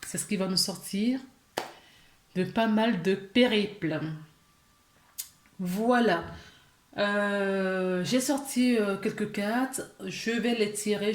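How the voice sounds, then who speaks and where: A woman's voice: mid-range voice, reverberant. A woman giving a casual tarot reading to her viewers, chatty, with many fillers, restarts and small laughs. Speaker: tarot card reader.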